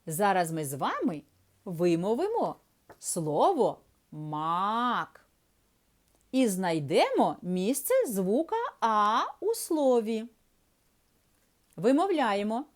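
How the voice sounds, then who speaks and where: A woman teaching a reading lesson to small children in a slow, sing-song teacher voice. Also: mid-range voice, big pitch swings. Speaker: preschool teacher. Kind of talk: early-years reading lesson.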